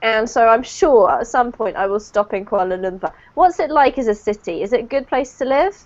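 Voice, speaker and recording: Her voice is on the high side with lively intonation, a little fast and darkish in tone, recorded with dull audio. She's a UK woman based in New Zealand, chatting warmly through an online English lesson, laughing a lot and cutting across students.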